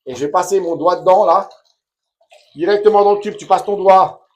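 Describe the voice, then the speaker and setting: A man chats through a hands-on bathroom repair in a bright, fairly high voice. He talks bluntly and casually, with plenty of slang, addressing the viewer like a friend. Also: moderate pace. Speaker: DIY home repair vlogger. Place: home bathroom.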